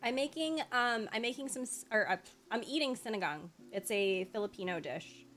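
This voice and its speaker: A woman's voice: a little high, animated, moderate pace, fairly bright tone, faint music behind. A woman streamer chatting casually and dotingly over a game she plays. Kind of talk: casual let's-play commentary.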